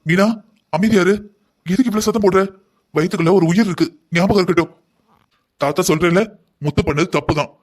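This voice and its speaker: A man voicing a calm old grandfather in a cartoon, gently soothing a family quarrel. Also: sits high, fast, long pauses. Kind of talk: cartoon voice acting.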